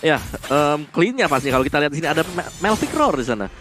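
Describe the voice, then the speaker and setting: An Indonesian man working as an esports analyst on a broadcast. He talks quickly in a slightly high voice, breaking down the match over clear background noise. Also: sing-song. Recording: noisy live broadcast commentary.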